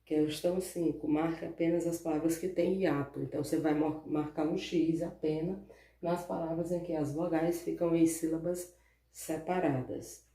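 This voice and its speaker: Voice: mid-range voice, fairly even intonation, normal speed, dark tone. A teacher with a Brazilian accent giving a recorded class, explaining patiently step by step and often checking in with the pupils. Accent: Brazilian Portuguese. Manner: patient, explains step by step, keeps asking "né?" and "certo?". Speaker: primary school teacher. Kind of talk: recorded online class lesson. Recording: echoey room, voice far from the mic.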